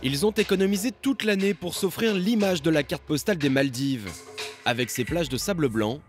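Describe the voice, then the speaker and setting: A man narrating a television documentary report in a measured, scripted voice-over. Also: on the high side, lively intonation. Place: studio voice-over. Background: music.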